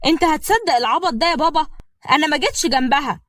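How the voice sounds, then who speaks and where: A woman's voice: high voice, lively intonation, racing, a bit bright, dry recording, studio quality, pitched above the performer's own voice. A woman voicing an irritated, suspicious young husband with an Egyptian Arabic accent, curt and indignant.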